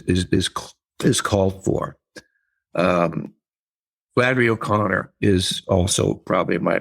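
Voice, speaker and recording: Speaking low with a creaky quality, an older man who writes books and teaches writing chats in a relaxed interview. He pauses often, thinks aloud and leans on fillers and repetitions.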